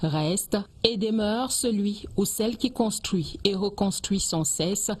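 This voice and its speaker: A woman's voice: medium pitch, slow, a little mellow, breathy edge. A woman reading a solemn tribute text in a declamatory way.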